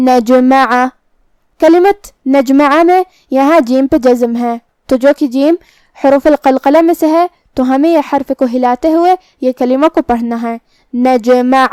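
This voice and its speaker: A woman teaching Quran recitation rules, explaining pronunciation slowly and carefully. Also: high voice, darkish tone, no room sound. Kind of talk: tajweed lesson, explaining then reciting.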